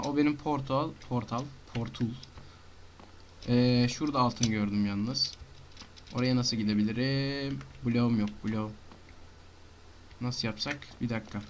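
A man giving casual commentary on his own gameplay, talking to himself and breaking into frantic shouting and rapid repeated words. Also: medium pitch, a little hiss or hum. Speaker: gamer.

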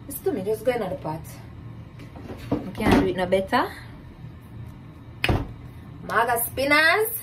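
Over a noisy background, a young Jamaican woman with a slightly high voice vlogs while cooking at home. Her cook-along chat is casual, with repeated phrases and laughter at her own attempts.

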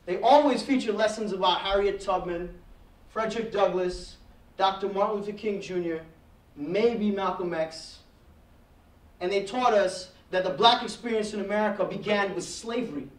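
At a heritage month event, a guest speaker from Trinidad, a man in his thirties with a high-sitting voice and normal speed, tells a classroom audience his personal story. He gestures as he reflects, growing more intense. The podium mic is some distance from him, so the recording of this projector-equipped room sounds far off and echoey.

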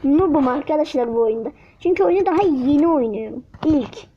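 A high-pitched woman chats and exclaims her way through casual game commentary. She cannot pronounce r, softening it into l or y. The sound is dull and lo-fi, with loud noise behind her. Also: expressive, a little fast. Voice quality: speech impediment, cannot pronounce r, substitutes l or y. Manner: chatty, exclaiming and muttering to self while playing. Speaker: gaming channel host.

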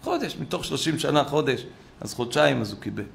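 A middle-aged man, a rabbi giving a storytelling sermon in a synagogue, who swings from loud exclamations to hushed asides. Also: mid-range voice, lively intonation, gravelly.

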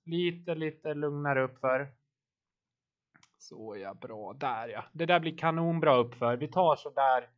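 A man with a fairly high voice coaches his riders live, cheering them on and calling out power numbers. The audio is dull and lo-fi, like a voice-chat stream. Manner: encouraging, calls out watts and turns. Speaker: team coach.

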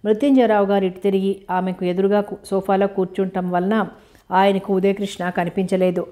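A woman narrating a novel for an audiobook. Her delivery is steady and level, with little rise and fall in pitch. Her voice sits in a middle register, and she reads in a calm, measured storytelling style.

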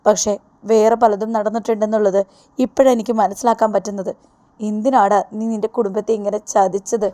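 A woman's voice: a little high, mellow, close to an everyday voice. A woman voicing a blunt male friend who scolds his companion.

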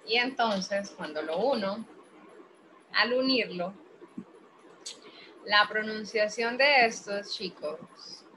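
A Colombian woman teaching an English grammar class, explaining slowly and patiently while questioning her students. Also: mid-range voice, sharp tone, a little hiss or hum, low-quality recording. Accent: Colombian Spanish.

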